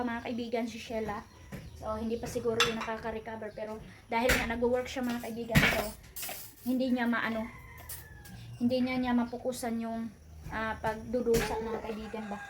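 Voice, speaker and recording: A young woman vlogging at home, talking straight to her viewers as friends. Her voice sits a little high, and she rambles on with plenty of fillers. Clear background noise runs under the whole recording. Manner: chatty, addresses viewers as friends, many fillers. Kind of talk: casual family vlog.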